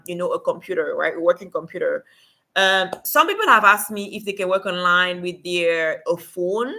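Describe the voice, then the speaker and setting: Chatty woman with a bright voice. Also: lowish voice. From Cameroon. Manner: chatty, many fillers, talks to viewers in chat. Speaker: livestream host and remote work coach. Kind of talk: casual livestream advice.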